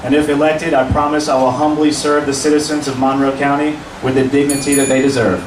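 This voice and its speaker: A man in his forties speaking as a judicial candidate at a public forum, measured and earnest, with fillers when answering questions. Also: medium pitch, flat delivery. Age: 40s. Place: meeting room at a public forum. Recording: roomy, distant, noisy room recording.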